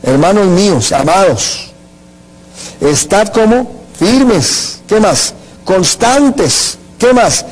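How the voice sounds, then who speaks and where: A man's voice: sits high, expressive, very slow, poor audio. A man preaching a Pentecostal sermon, emphatic and calling on the congregation to repeat after him and answer his questions. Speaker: pastor.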